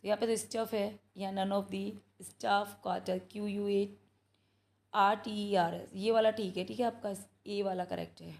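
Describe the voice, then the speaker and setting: A woman with a medium-pitched voice and vocal fry tutors students for an English exam in a practice lesson. She reads each question aloud and explains the answers slowly and steadily in a blend of Hindi and English, frequently checking in with "thik hai."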